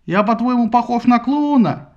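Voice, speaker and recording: A man doing Achilles, a shouting hotheaded hero. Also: high voice, a little fast, highs cut off, lightly acted. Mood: furious. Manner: shouting, indignant. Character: hotheaded young male Greek hero, loud and boastful.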